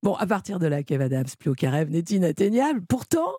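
A woman's voice: on the low side, sing-song, fast, warm tone, slightly rough, no room sound, studio quality. A woman interviewing a guest, asking teasing, leading questions.

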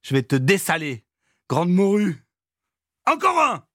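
A woman's voice: a bass voice, slow, no echo, studio quality, pitched above the performer's own voice, heavily acted. A man voicing a furious young washerwoman who screams insults during a brawl, in a dramatic reading of a novel. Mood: taunting fury. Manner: shouted, raging taunts.

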